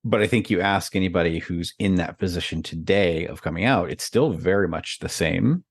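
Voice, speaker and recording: A man's voice: low-pitched, moderate pace, vocal fry, breathy edge, dry recording. A middle-aged man co-hosting a podcast, chatting casually and telling a personal story with lots of fillers and laughs. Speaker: podcast co-host. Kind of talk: casual conversation.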